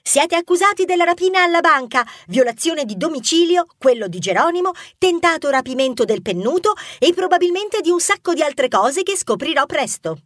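A man's voice: very high-pitched, sing-song, fairly quick, hardly any pauses, fairly bright tone, no echo, clean studio sound, voice pushed up, heavily acted. Man doing a stern police officer. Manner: declaiming, official.

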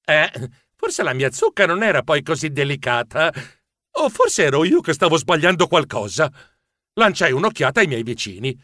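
A man's voice: on the high side, huge pitch swings, normal speed, pushed and bright, dry recording, clean studio sound. A man narrating a children's story in a playful, theatrical way. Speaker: audiobook narrator.

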